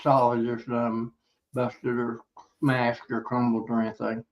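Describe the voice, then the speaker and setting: A man's voice: medium pitch, monotone, unhurried, rough recording. A man in casual chat on a live show, folksy and plain-spoken, sometimes talking with his mouth full. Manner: folksy, self-described hick, talks with mouth full. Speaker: beekeeper guest on live chat.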